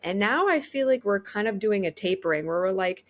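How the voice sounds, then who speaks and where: A woman's voice: medium pitch, animated, a little fast. A woman co-hosting a podcast in casual chat, rambling with lots of fillers. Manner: rambling, lots of "like" and "you know".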